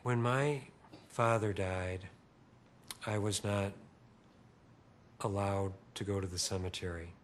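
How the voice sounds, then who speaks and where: A widowed father recounting in a slow, measured way in a documentary interview. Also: on the low side, fairly even intonation, background noise. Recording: loud music under voice.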